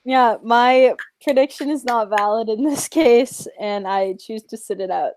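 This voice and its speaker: A woman's voice: on the high side, a little slow, darkish tone, no room sound, rough recording. A young woman co-hosting a casual sports podcast, laid-back and making easy asides. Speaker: podcast co-host.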